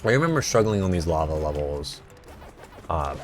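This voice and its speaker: A man's voice: rumbling low, very animated, normal speed, faint music behind. A man streaming a game, rambling and mocking himself in casual chat at a desk mic. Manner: self-mocking, rambling, jokey.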